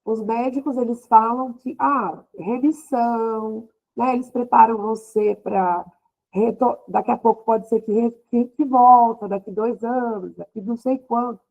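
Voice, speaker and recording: High-voiced woman in her thirties, lo-fi. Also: fairly even intonation, a little slow, vocal fry, a little mellow. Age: 30s. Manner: emotional, repeats "né?" often, voice rising in quoted speech. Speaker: speaker giving a testimony. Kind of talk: church testimony to a women's group. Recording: slightly dull lo-fi recording.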